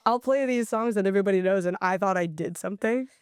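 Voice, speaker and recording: Brief: young American woman DJ guest, chatty storyteller, smooth clear tone, dry studio mic. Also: mid-range voice, fast, dry recording. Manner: animated storyteller, lots of "like" fillers. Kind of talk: casual podcast chat. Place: podcast studio.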